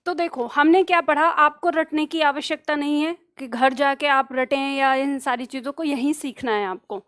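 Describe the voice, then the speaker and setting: Woman, high voice, exam-prep teacher who dictates slowly and quizzes herself aloud. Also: fairly bright tone. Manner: repeats phrases slowly for dictation; asks questions and answers them herself. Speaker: Hindi grammar teacher. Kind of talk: online exam-prep lesson.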